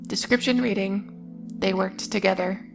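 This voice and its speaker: A woman narrates a scripted video essay over music, her medium-pitched voice showing little rise and fall. Fairly even in intonation, moderately paced, and gravelly, she stays informal, tossing in wry asides while recapping.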